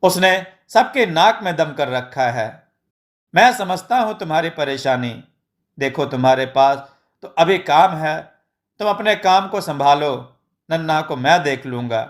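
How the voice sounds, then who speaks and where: A man voicing a half-deaf, boastful young village man who mishears and rambles loudly. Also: on the high side, lively intonation, a little slow.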